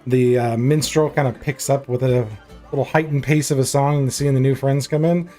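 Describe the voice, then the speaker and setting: A man's voice: mid-range voice, steady tone, normal speed, warm tone, soft background music. A man improvising narration as game master of a tabletop fantasy game.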